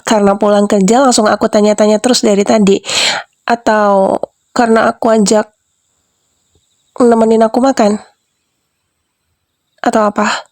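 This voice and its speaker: A woman's voice: medium pitch, level tone, moderate pace, long pauses, a little mellow, no echo, natural voice. A young woman voicing a clingy, manipulative wife in an ASMR role-play, doting at first and then questioning and defensive.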